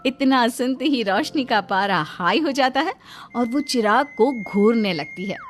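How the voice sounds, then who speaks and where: Expressive woman narrating a story. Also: fairly high pitch, measured pace, faint music behind.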